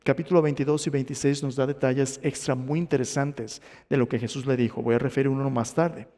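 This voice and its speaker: A man's voice: mid-range voice, steady tone, fairly quick, warm tone, big-room sound. A male pastor preaching a sermon, telling the story dramatically and asking the congregation questions. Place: church sanctuary.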